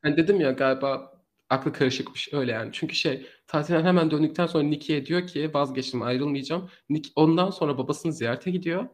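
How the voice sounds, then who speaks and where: A man co-hosting a casual true crime podcast, telling the story in an animated way and laughing often. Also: fairly high pitch, a little fast, few pauses.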